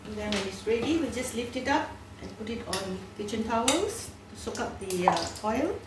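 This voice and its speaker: A woman's voice: fairly high pitch, lively intonation, moderate pace, roomy sound, very noisy. A woman hosting a cooking video, chatting casually and walking through each step aloud as she cooks. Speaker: cooking channel host.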